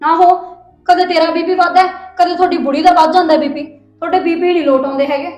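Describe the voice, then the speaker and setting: A young woman playing a combative wife who fires back quick retorts in a family drama. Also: very high-pitched, fairly even intonation, darkish tone, reverberant, soft background music. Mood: angry. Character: fiery young wife quarreling with husband. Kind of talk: village family drama acting.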